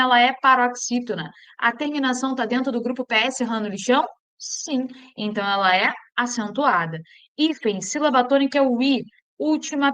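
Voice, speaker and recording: A Brazilian woman teaching an exam-prep grammar lesson in a somewhat high voice. She keeps asking the class questions and answering them herself. When she lays out a rule she slows right down and stresses each item. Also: fairly bright tone. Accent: Brazilian Portuguese. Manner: drills with questions, slowing to spell out rules.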